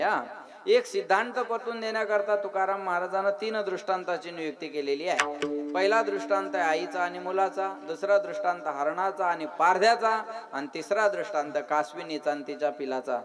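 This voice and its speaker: A man giving a devotional kirtan sermon, quizzing and teasing his listeners and chanting verse lines slowly, with a live audience behind him. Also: high-pitched. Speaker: kirtan preacher. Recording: live crowd audible behind.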